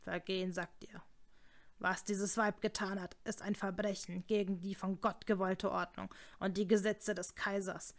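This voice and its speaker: A woman reading the lines of a cold, merciless male scholar in an audiobook, speaking quietly and with icy command. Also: mid-range voice, level tone, moderate pace, natural voice.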